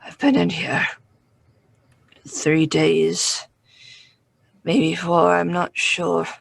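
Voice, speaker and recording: A man voicing a battered, grateful half-elf druid, speaking in a weary, halting way. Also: on the high side, monotone, gravelly, a bit bright, dry recording, heavily acted.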